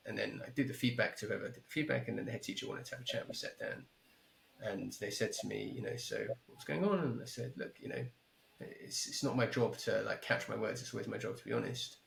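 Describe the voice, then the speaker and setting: A man speaking as a podcast guest over a remote call, telling an anecdote in a lively, casual way and acting out both sides of the conversation. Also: fairly low pitch, fast, gravelly, roomy sound. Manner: animated, repeats himself, acts out both sides of conversations. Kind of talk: casual storytelling. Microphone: headphones with mic, remote call.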